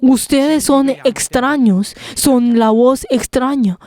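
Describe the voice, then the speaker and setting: A woman interpreting a sermon live, speaking in halting phrases with frequent pauses and restarts. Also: high voice, darkish tone.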